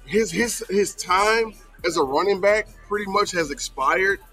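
A man's voice: high voice, measured pace, bright, forceful tone, breathy edge, soft background music, rough recording. A man co-hosting a casual sports chat, often chiming in with short agreeable asides. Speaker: co-host.

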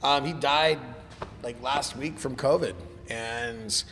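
A man with a slightly gravelly smoker's rasp chatting casually and informally about music. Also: mid-range voice, takes it slowly, a bit bright. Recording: reverberant room with background noise.

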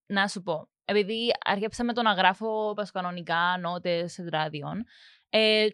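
A woman's voice: medium pitch, a bit bright, clear, resonant tone, no room sound. Hesitant young Cypriot woman, dry sound. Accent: Cypriot Greek. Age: young adult. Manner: hesitant, many fillers, mixes in English words. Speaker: music production student, interviewee. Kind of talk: casual interview talk.

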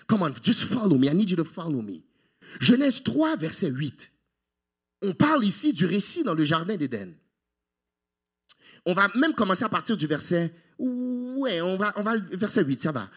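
A man preaching a sermon as pastor, animated, with sudden high exclamations and English phrases mixed in. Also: moderate pace, slightly rough.

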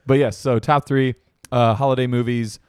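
A man's voice: medium pitch, steady tone, normal speed, darkish tone, clear, resonant tone, no echo, clean studio sound. A man co-hosting a casual podcast chat, joking, laughing often and mimicking movie lines. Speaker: podcast co-host.

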